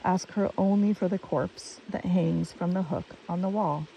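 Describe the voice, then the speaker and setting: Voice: medium pitch, fairly even intonation, a little slow, creaky, warm tone, muffled recording. A storyteller voicing a troubled father god giving solemn instructions. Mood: commanding. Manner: grave, lamenting. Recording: distant mic with stream noise.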